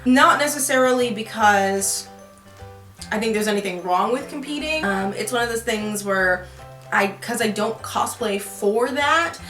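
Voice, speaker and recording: A woman's voice: a little high, unhurried, a bit bright, faint music behind. Rambling young woman in a roomy room. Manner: rambling, filler-heavy, with many restarts. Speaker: vlogger. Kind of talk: casual chat. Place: room in her apartment. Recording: roomy echo.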